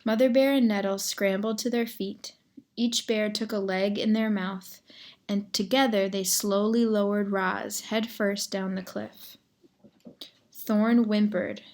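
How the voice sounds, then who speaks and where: Woman narrator, children's novel read aloud, unhurried, expressive, mid-pitched voice. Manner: measured, expressive storytelling, addresses the reader.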